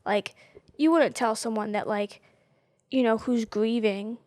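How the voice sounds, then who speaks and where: This woman has a fairly high voice and an unhurried pace, recorded dry. She has a speech impediment that softens her R's into something like W. She chats casually but emphatically, fired up and opinionated, with some mild swearing.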